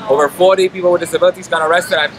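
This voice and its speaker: A man in his thirties speaks with earnest insistence about his cause, his voice set a little high for a man. He is recorded outdoors on a city street, with clear traffic noise running under every word. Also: steady tone, rapid-fire. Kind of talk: street interview. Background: traffic and city ambience.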